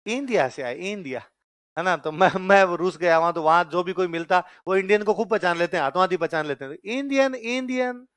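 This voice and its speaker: A man's voice: high-pitched, a little fast, fairly bright tone, clean tone, no echo, studio quality. A man teaching a history class, quizzing students and repeating questions back to them. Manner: tells anecdotes, mimics accents. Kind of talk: classroom lecture.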